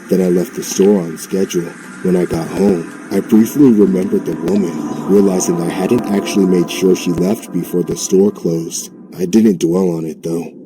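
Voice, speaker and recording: A man reading a scripted first-person horror story in a measured, steady way. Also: low-pitched, background noise. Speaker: story narrator. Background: music.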